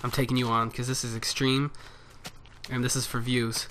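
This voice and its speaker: A man's voice: medium pitch, level tone, normal speed, heavy background noise. A man commenting casually and jokingly on his own gameplay, talking to the animals and monsters on screen. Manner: playful, jokey, talks to animals and mobs. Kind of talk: casual let's play commentary.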